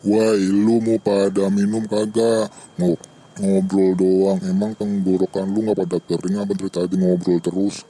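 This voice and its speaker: Grumbling cartoon stall keeper, played by a man, Jakarta Betawi accent, low, very dark voice. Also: little pitch movement, slightly rough. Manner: grumbling, slow, bossy. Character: gruff older male coffee stall keeper.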